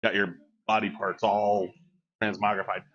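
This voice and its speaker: A man's voice: lowish voice, little pitch movement, normal speed, fairly bright tone. A man in his forties chatting casually on a live stream, joking and reading chat aloud. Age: 40s. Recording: dull lo-fi mic.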